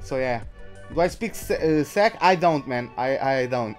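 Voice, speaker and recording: In an animated mid-range voice, unhurried, a man keeps up casual chatter while streaming a racing game live, pausing to welcome viewers by name. There's faint music behind him.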